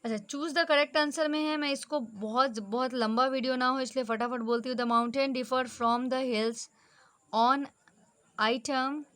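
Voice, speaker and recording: A woman teacher giving a brisk, exam-focused lesson, slipping English terms into her instructions. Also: sits high, steady tone, fairly bright tone.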